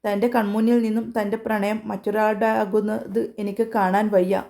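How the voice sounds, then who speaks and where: A young woman in a storybook tale who holds back her own heartbreak as a woman voices her. She speaks quietly and with restraint, in a mellow, dark voice. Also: mid-range voice, flat delivery, moderate pace, close to an everyday voice. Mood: heartbroken.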